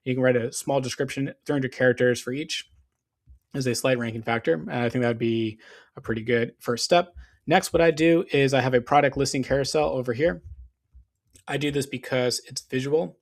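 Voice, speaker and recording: An SEO business owner talks through a screen share in a casual, explanatory way, full of ums and restarts. His mid-pitched male voice is getting hoarse, he clears his throat now and then, and he speaks a little fast.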